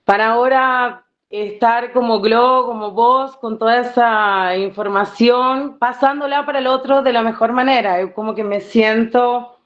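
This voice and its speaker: A woman's voice: a little high, unhurried. Brazilian woman mixing Spanish and Portuguese, dull audio. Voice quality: Spanish mixed with Portuguese words. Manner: reflective, earnest, searching for words. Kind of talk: personal sharing in a group call.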